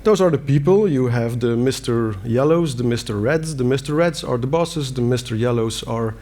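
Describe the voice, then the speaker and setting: This middle-aged man from Belgium, a native Dutch speaker with a Belgian Dutch accent, talks earnestly at a conference in a conference hall. His voice is warm, medium in pitch and at a normal speed. He uses plain words, fillers and restarts.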